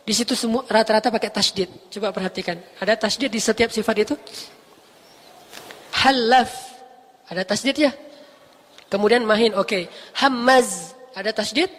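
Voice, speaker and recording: A Quran teacher giving a casual, lively study lesson, explaining Arabic terms with emphatic repetition and light jokes. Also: medium pitch. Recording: long reverb.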